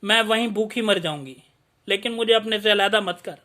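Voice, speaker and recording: A man voicing an elderly mother who pleads softly and stays devoted to her son. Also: sits high, normal speed. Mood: pleading.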